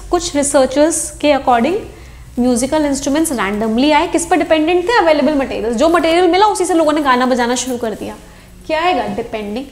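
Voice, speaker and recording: A woman with an Indian accent teaches an exam-prep English lesson, mixing Hindi and English and asking her students questions as she goes. Her voice sits high. The room around her adds a noticeable echo. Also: darkish tone. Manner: explains in Hindi mixed with English, asks the class questions.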